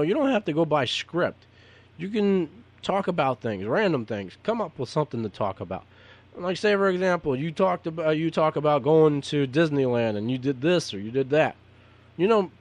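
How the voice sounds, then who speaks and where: A man's voice: on the high side, dry recording. A man who is a podcaster and DJ, talking unscripted and giving advice to other podcasters in a rambling, repetitive, earnest way. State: hiccups.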